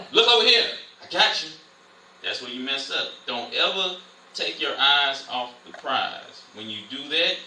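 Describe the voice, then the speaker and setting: A man leading an informal Bible study, preaching in a lively, conversational way. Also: on the high side. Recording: roomy, distant, faint noise.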